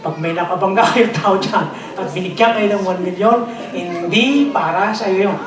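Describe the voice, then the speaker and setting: At a moderate pace, a high-pitched man gives a playful sermon as pastor in a large church hall, alternating Tagalog and English and imitating those he converses with. The congregation reacts from the crowd behind him, heard on an echoey recording taken from far away.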